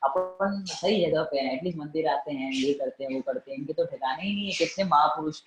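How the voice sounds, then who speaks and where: A man's voice: on the high side, brisk, over music. A man giving a Jain religious discourse in a conversational way, often asking his listeners whether they follow. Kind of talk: Hindi religious discourse mixed with English words. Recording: roomy, dull recording.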